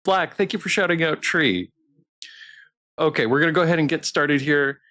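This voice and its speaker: A bright, forceful voice pitched a little high belongs to a worn-out livestream host playing a visual novel. He talks with viewers at normal speed, casually and hesitantly, with rambling, restarts, and repeated phrases.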